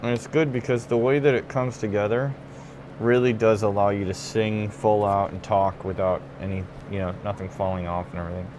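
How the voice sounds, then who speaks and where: This young Chicagoan actor talks backstage in a dressing room for a casual interview, relaxed, chatty, and heavy on fillers in his Midwestern American accent. He speaks briskly with a steady tone in a lowish voice over background noise.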